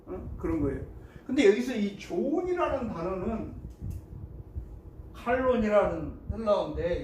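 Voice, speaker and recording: A male pastor preaching a sermon, telling the story in a lively way and acting out the voices of the people in it. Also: sits high, distant mic, slight background noise. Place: church sanctuary. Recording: echoey hall, mic from afar.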